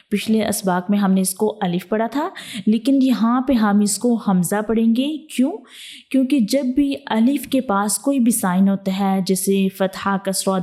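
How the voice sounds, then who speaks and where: A woman teacher walks her students through a lesson in a calm, step-by-step way. Her voice is mellow and warm, sits at a middle pitch, and keeps returning to check that they follow. She slips English words into her explanations. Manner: patient, repetitive explaining with frequent "theek hai" check-ins; mixes English words into Urdu teaching talk. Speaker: Quran reading teacher.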